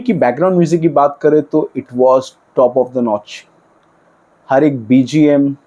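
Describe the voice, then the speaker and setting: A man's voice: mid-range voice, dark tone. A man giving blunt, opinionated film commentary, arguing his points and asking rhetorical questions.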